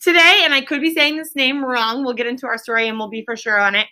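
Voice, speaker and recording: With fairly even intonation and a fast pace, an elementary school teacher's high-pitched, pushed, bright voice guides children through a reading lesson. She explains in simple terms, repeats the key words and prompts her pupils with questions.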